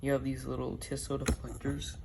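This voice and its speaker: Guy casually showing off gear, pretty monotone, kinda tentative, slightly noisy homemade recording. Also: medium pitch, fairly quick, creaky. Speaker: gas mask reviewer. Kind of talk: casual hands-on product review. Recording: noisy amateur video.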